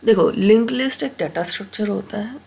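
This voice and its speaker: A woman with a cold and sore throat runs a casual Hindi coding lesson at a fairly quick pace, her medium-pitched voice creaky, darkish and breathy-edged. She frequently checks on her students with a lifted "okay?"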